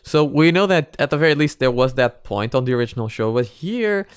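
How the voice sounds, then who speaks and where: Brisk and animated, this man's smooth mid-range voice carries his casual reactions as a video reviewer watching an animated parody series. Unscripted, he speaks hesitantly, rambles and repeats himself. Clean studio sound, no echo.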